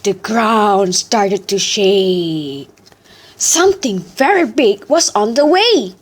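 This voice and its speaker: A woman reciting a story in a deliberate, theatrical way, as practice for choral speaking. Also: medium pitch, lively intonation.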